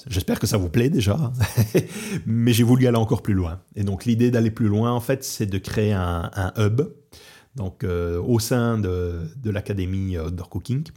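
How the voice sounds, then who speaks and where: A Belgian man hosts a casual podcast and trains people in barbecue, and here he talks about his barbecue project. The setting is Portugal, and his fairly low, warm male voice comes out hesitantly, with lots of "euh," fillers and restarts.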